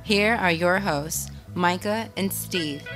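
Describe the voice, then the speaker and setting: Woman announcing a podcast intro slowly. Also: fairly low pitch, a bit bright, soft background music. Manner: slow, announcing. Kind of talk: scripted slow show intro.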